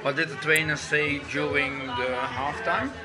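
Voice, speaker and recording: Man, interviewer, English, loud crowd behind. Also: a little high, steady tone, measured pace. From Belgium. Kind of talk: post-match interview.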